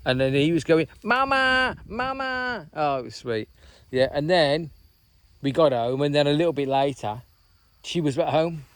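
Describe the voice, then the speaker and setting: A man's voice: on the high side, normal speed, no room sound. A man chatting in a rambling, casual way on a walking vlog outdoors by a reservoir. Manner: rambling, chatty, full of "you know what I mean". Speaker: vlogger.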